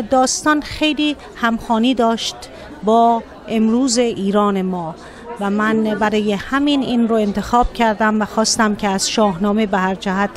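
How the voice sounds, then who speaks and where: A middle-aged woman with an Iranian Persian accent answers an interviewer into a handheld microphone. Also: mid-range voice. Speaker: storyteller being interviewed. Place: indoor venue lobby. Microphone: handheld reporter microphone. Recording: busy crowd murmur behind.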